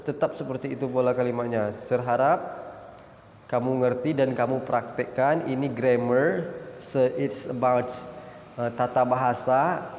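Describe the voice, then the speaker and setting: Male English teacher, measured classroom delivery with drawn-out examples, reverberant room. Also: medium pitch, fairly even intonation, darkish tone, slight background noise. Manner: switches between explanation and slow, drawn-out example sentences. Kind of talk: recorded grammar lesson for students. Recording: echoey room with long reverb.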